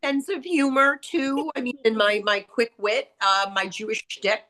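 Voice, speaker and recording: A middle-aged woman with a raspy, grating, nasal voice, talking bluntly and candidly as an interview guest, acting out what people said. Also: on the high side, measured pace. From New York area. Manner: blunt, animated storyteller who acts out quotes. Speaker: interview guest, salon owner and author.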